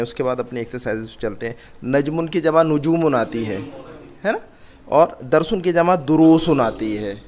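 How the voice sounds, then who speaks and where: A man leads a classroom lesson in a fairly high voice. He drills words, asks his students questions and repeats each word slowly for them to copy. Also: a little hiss or hum. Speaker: Arabic teacher.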